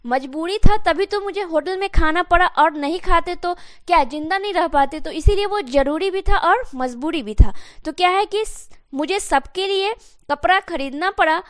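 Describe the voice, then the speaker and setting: Step by step, a woman teaches an English grammar lesson, often calling her viewers "guys" and dictating example sentences slowly. Her voice is very high, and the dry recording has studio quality.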